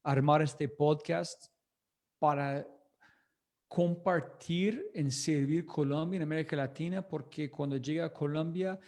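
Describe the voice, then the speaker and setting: Energetic man in halting Spanish. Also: a little high. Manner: energetic, enthusiastic; halting non-native Spanish. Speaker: interview guest, podcaster. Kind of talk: livestreamed interview talk.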